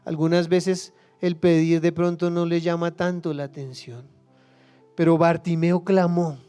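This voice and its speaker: A male pastor delivers a passionate sermon in a high, smooth, resonant voice. He acts out prayers and Bible figures, swinging from hushed asides to loud cries, with faint music underneath. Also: flat delivery, a little slow.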